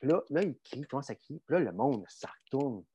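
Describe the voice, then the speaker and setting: A man with a Québécois French accent telling a story casually as a guest, animated and full of filler words. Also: mid-range voice, a little fast, slight background noise. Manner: animated, fills talk with "là" and mild swearing.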